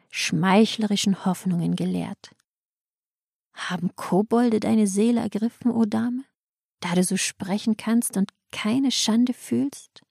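Grieving old storybook king, soft and faltering, read by a woman; slow pace, dry sound. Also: lowish voice, dry recording. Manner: quiet, mournful, faltering. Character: grief-stricken old king, broken and pleading. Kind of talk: audiobook reading.

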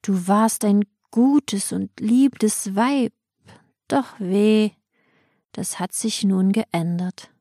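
A woman reading as a grief-stricken old king who speaks quiet, mournful words to his queen, in an audiobook. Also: fairly low pitch, fairly even intonation, unhurried, few pauses, no echo, clean studio sound. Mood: grieving.

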